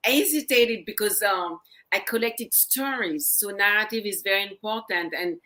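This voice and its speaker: Bright-voiced woman guest, earnest and gentle. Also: mid-range voice, moderate pace. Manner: earnest, gentle, repeats phrases. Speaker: guest psychologist. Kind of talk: casual interview chat.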